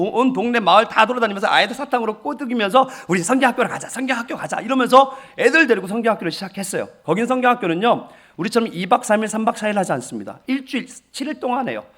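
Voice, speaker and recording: Animated high-voiced Korean pastor preaching. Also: male voice, quick pace. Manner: emotional storyteller, asks the audience questions. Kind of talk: sermon with personal testimony.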